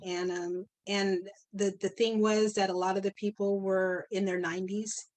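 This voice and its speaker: A woman local historian and author answering in a halting way with many restarts over a video call. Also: mid-range voice, level tone, darkish tone, no echo. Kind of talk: discussion answer.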